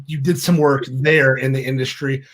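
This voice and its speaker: A man's voice: medium pitch, flat delivery, moderate pace, fairly bright tone. A man co-hosting a casual online show, asking a guest questions with friendly stumbles and restarts. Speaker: co-host.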